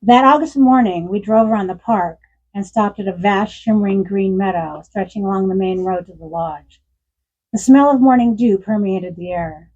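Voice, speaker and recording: A woman in her sixties tells stories and reads from her memoir to a bookstore audience, laughing now and then as she talks. Her voice is husky and slightly breathy. The recording is dull and lo-fi. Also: mid-range voice, normal speed. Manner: warm storytelling with frequent laughs. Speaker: author. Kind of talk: reading from her memoir at a book event.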